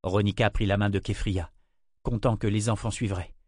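Man calmly narrating an audiobook. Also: fairly low pitch, dry recording, clean studio sound. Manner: even, measured reading. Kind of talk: scripted narration.

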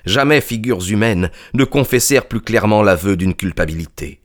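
A man reading a classic mystery aloud in measured, steady narration. His voice sits fairly low, and the pacing is calm and even. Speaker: audiobook reader. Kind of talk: literary audiobook narration.

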